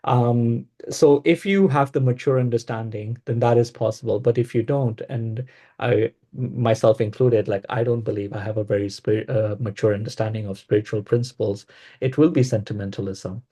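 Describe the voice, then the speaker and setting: A man with a warm, dark tone leads a casual spiritual discussion. He pauses and restarts often, working his way through each point with fillers. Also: mid-range voice, steady tone. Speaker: discussion presenter.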